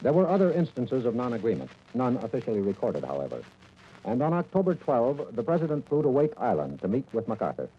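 A man narrating an old newsreel documentary in a measured, formal reading voice. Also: medium pitch, wildly swooping pitch, warm tone, husky. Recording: dull lo-fi archival audio with faint hiss.

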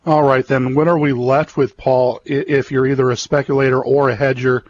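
A man's voice: medium pitch, flat delivery, moderate pace, a little mellow, a little hiss or hum. A man hosting a radio market interview, asking plain, conversational questions over a dull lo-fi AM radio sound. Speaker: radio host.

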